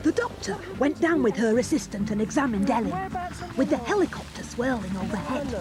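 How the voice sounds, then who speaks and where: A woman's voice: on the high side, lively intonation, brisk. A woman narrator telling events in a children's storytelling style. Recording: music behind the voice.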